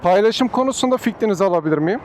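A man's voice: high-pitched, expressive, very fast. A man speaking from inside a helmet in a polite, chatty motovlog style as he works as a motorbike taxi rider. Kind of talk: casual motovlog chat. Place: outdoors on a motorbike in city traffic. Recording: loud engine, wind and street noise.

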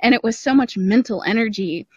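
In this clip the young podcast guest sounds fairly high yet a little mellow and husky, talking a bit fast with no room sound. She's an audio drama creator chatting casually and at length in a self-deprecating way, calling in from a dry space. Sound quality is slightly dull, band-limited call audio.

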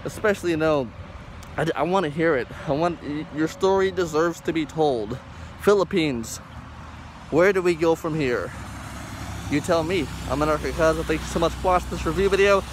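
A young man reviewing music in a rambling vlog, speaking loudly and emphatically through a face mask that muffles his words, recorded on a phone outdoors. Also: on the high side, normal speed, slight background noise. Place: outdoors in a parking lot. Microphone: phone held close at arm's length.

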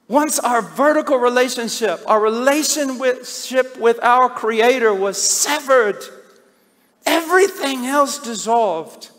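A middle-aged man preaching a sermon, swinging from hushed, slow passages to loud, shouted cries. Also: very high voice. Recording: long hall reverb.

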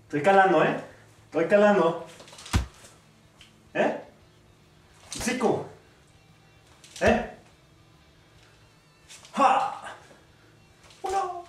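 Rowdy Mexican gamer in an echoey room. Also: male voice, high-pitched, expressive, takes it slowly, long pauses, soft background music. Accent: northern Mexican. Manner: rowdy slang-heavy trash talk, shouting at the game. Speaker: gaming youtuber. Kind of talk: excited let's-play commentary. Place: room at home, playing a VR game. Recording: echoey room, distant from the mic, faint noise.

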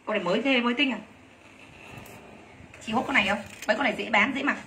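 A woman selling clothes on a livestream, talking rapidly and gushing over each piece while teasing her helpers. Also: a little high, sharp tone, a little hiss or hum. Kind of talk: live sales pitch.

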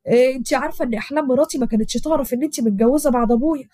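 Earnest young Egyptian husband, put on by a woman, quick speech, high voice, dry sound. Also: dark tone, dry recording. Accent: Egyptian Arabic. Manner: reassuring, earnest. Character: young married man, dutiful devoted son.

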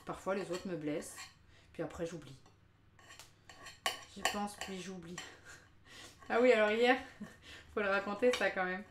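A woman's voice: medium pitch, unhurried, long pauses, heavy background noise. Young woman, live cooking stream, casual chat, self-mocking, laughs a lot, roomy kitchen echo. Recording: roomy kitchen with faint clatter.

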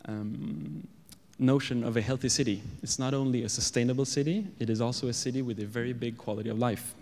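A young Swedish man, an architect, giving a measured conference presentation from a lectern into a stand microphone in a large dark hall. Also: medium pitch, steady tone, gravelly, slight background noise. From Sweden. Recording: long hall reverb.

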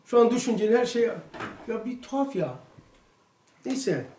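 Animated man teaching in an echoey room. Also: extremely high pitch, moderate pace. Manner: animated storytelling, emphatic outbursts. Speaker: religious study teacher. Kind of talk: religious lesson talk. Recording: echoey room, mic far off.

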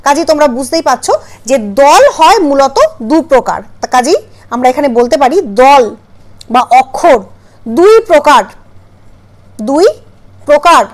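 Brief: woman teacher, high voice, patient, breaks words into syllables for her students. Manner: patient, questioning, spells out syllables slowly. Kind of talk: Bengali grammar lesson.

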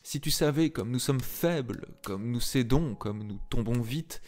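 A man's voice: mid-range voice, a little slow, close to an everyday voice. A man voicing an anguished young wife. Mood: tearful confession. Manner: pleading, emotional, impassioned. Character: young married woman, 24, anguished, confessing. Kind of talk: dramatic reading of a literary tale. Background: soft piano music.

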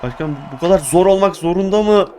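A young man giving excitable let's play commentary, exclaiming and groaning at his failures. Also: high-pitched, quick pace, a little hiss or hum. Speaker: gaming YouTuber.

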